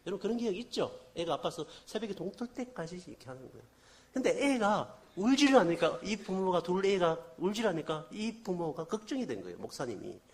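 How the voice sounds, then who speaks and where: Animated Korean man preaching. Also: sits high, fast. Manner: animated, asks the congregation questions. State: slight cold. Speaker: guest revival preacher. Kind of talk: sermon with storytelling.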